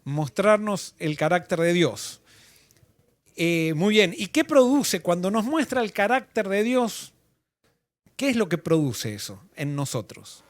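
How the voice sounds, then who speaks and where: A man's voice: high-pitched, very animated, measured pace, no room sound. A male pastor leading an interactive Bible study, asking the class questions and repeating their answers.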